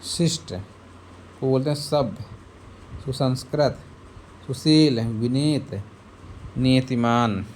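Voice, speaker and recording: A man's voice: medium pitch, darkish tone, slight background noise. A man teaching an exam-prep Hindi lesson, reading out lists of synonyms one word at a time and asking the class quiz questions. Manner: slow, word-by-word listing with quizzing questions.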